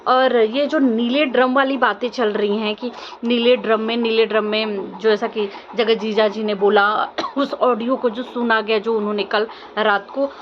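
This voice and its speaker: A young woman vlogger offers casual opinion commentary to her viewers, insistent and questioning, often repeating phrases. Her voice is on the high side with fairly even intonation and a slightly slow pace, and the lo-fi audio is muffled with faint background noise.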